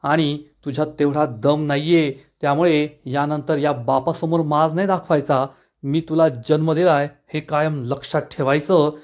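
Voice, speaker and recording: A man's voice: fairly high pitch, fairly even intonation, moderate pace, darkish tone, close to an everyday voice. A man reading the lines of an angry, domineering older male politician who taunts his son with scorn. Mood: threatening.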